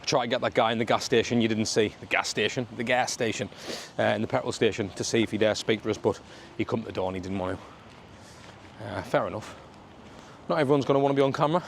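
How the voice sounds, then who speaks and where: A man's voice: on the low side, fast talker, gravelly. Sunderland man vlogging over street noise. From Sunderland, north-east England. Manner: colloquial, matey, full of regional slang. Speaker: travel vlogger. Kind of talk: casual walking vlog chat to camera. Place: outdoors on a suburban street in the rain. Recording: outdoor street and traffic noise.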